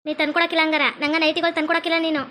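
A woman's voice: very high voice, level tone, very fast, bright, forceful tone, slight background noise. Woman playing a nagging demanding young wife. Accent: North Karnataka Kannada. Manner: nagging, threatening.

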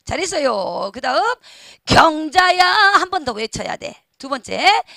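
A middle-aged woman singing teacher who explains quickly and then sings phrases for the class to repeat. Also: high voice, very animated, creaky, sharp tone, dry recording, clean studio sound. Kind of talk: online singing lesson. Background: backing track music.

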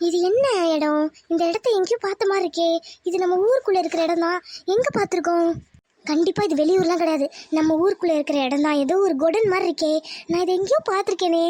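A woman's voice: extremely high pitch, fast, a little mellow, dry recording, clean studio sound. A woman voicing a suspicious young daughter-in-law in a cartoon, musing and questioning to herself. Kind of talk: cartoon voice acting.

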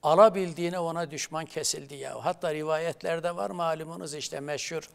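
A middle-aged male professor speaks in a gravelly, slightly high voice. He tells scripture stories on a studio talk show and breaks into recited Arabic verses with animated emphasis. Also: a little fast. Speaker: professor of theology, guest.

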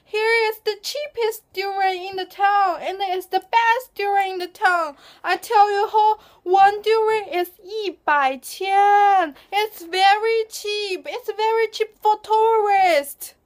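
A woman's voice: extremely high pitch, steady tone, takes it slowly, few pauses, voice pushed up. A woman acting out pushy, exasperated Singaporean locals in comic skits, speaking exclamatory Singlish with a Singaporean accent. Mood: eager haggling. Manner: Singlish, exclamatory with lah and leh particles. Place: cluttered room indoors.

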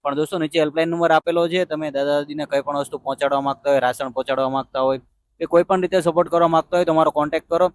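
A man hosting a charity video outdoors by a roadside, interviewing gently and reassuringly and making an earnest appeal to viewers. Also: fairly high pitch, steady tone, rapid-fire, no echo.

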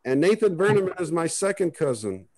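On a video call, a man from Israel presents his family's history in a loose, chatty way, often starting over mid-thought. His voice is on the high side, very animated, a little fast and slightly mellow.

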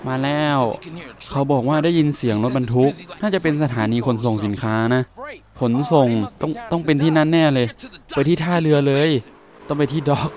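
Man, gameplay commentary, reads dialogue aloud, quick reactions, middle pitch, game engine noise behind. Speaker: gameplay streamer. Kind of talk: Let's Play commentary, reading game subtitles aloud.

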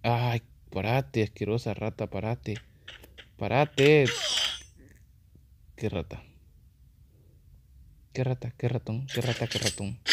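A man's voice: lowish voice, background noise. A man giving casual gameplay commentary as a gaming YouTuber, taunting opponents and repeating his phrases.

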